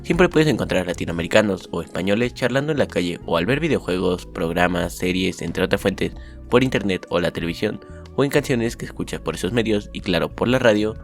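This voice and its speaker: A man reading out a summary of the day's school lessons as scripted narration, upbeat at the start, then steady. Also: lowish voice, vocal fry. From Mexico.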